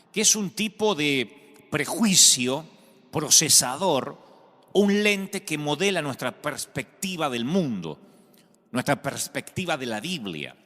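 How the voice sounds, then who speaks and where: A man's voice: on the high side, bright, forceful tone. A man from Argentina with an Argentine Spanish accent, preaching a sermon as pastor, telling stories with humor and emphasis. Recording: long hall reverb.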